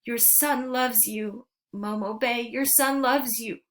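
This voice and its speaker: A woman voicing a gentle, frightened young soldier boy in a storybook, speaking in a pleading, tearful way. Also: on the high side, measured pace, pitched above the performer's own voice. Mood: sobbing.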